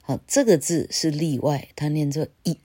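A woman gives a casual English lesson, chatty and wandering off topic, tagging phrases with "ha" and spelling words out slowly. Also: sits low, mellow, breathy edge, dry recording. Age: 60s. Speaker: English teacher.

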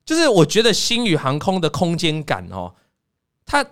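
A man hosting a casual chat, telling stories in an animated way and acting out scenes. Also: a little high, moderate pace, clear, resonant tone. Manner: animated storyteller, acts out scenes. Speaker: podcast host.

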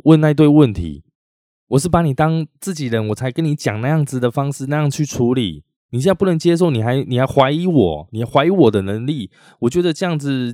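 A man's voice: mellow, no room sound, studio quality, close to an everyday voice. A man voicing an indignant middle-aged male repair shop owner who rants accusingly in a raised voice. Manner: whiny, accusing, high-pitched rant.

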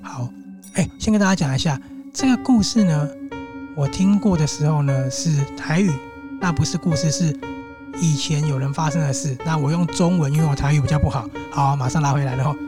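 Casual male host with a Taiwanese Mandarin accent, telling a ghost story in a chatty, animated way, music in the background. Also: on the high side, a little fast. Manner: chatty, animated, with asides to the audience.

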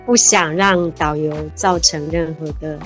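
A woman in her fifties with a deep, steady voice and a Taiwanese Mandarin accent speaks unhurriedly over faint music. As a radio interview guest, she reminisces about her childhood and adventures in conversational stories, earnest, warm-hearted and often exclaiming.

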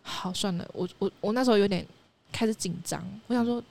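A woman's voice: mid-range voice, fast, creaky. A young woman telling a ghost story in casual chat, acting out voices and sound effects. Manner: animated storyteller, sound effects and quoted dialogue.

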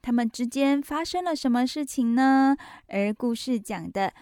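A woman with a Taiwanese accent hosting a children's bedtime story show, speaking directly to young listeners with questions and soft sentence endings. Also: sits high, lively intonation, moderate pace, dry recording.

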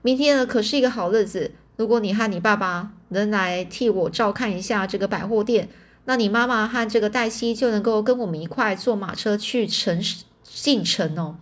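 A woman reading an old grandfather's lines from a storybook in a soft, low manner, barely changing her own voice. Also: moderate pace, natural voice. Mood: eager. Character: gentle old grandfather, proud and moved.

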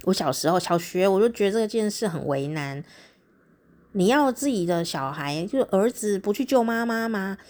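Chatty woman telling a story. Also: mid-range voice. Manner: lively, laughs often, chatty, filled with drawn-out particles. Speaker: podcast host. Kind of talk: casual storytelling chat.

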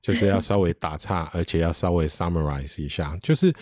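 A man's voice: deep voice, a little fast, a little mellow, no room sound, clean studio sound. A man, hosting and moderating an online panel talk over a video call, summarizing points and mixing in English terms. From Taiwan. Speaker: podcast host and moderator.

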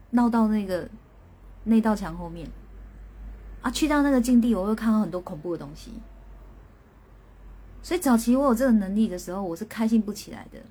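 A spirit medium with a medium-pitched, warm, slightly rough voice hosts a casual live stream. She tells a story and reads out viewers' guesses, laughing a lot.

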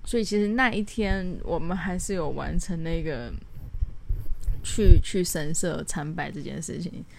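A woman's voice: fairly low pitch, measured pace, vocal fry, a little mellow, a little hiss or hum. A woman talking alone in a casual late-night monologue, rambling through her stories with frequent restarts and English words mixed in. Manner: rambling, chatty storytelling with many restarts. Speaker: solo podcast host.

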